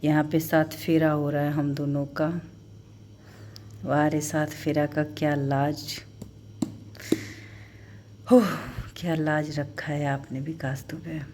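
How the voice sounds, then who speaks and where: Soft, low-voiced woman showing photos. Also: little pitch movement, slight background noise. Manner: soft-spoken, halting and emotional. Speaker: vlogger. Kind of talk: casual vlog chat showing a wedding album.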